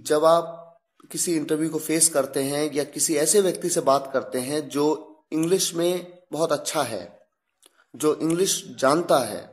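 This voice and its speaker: A woman teaching pronunciation in a video lesson, explaining carefully and repeating each sound for practice. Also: lowish voice. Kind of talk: slow, deliberate classroom explanation.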